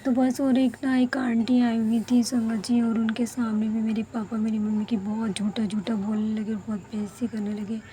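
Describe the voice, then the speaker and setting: Young female devotee, earnest testimony, higher flat voice, mellow tone. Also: normal speed, few pauses, slight background noise, poor audio. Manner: earnest, emotional storytelling, often addressing the congregation. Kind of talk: personal testimony.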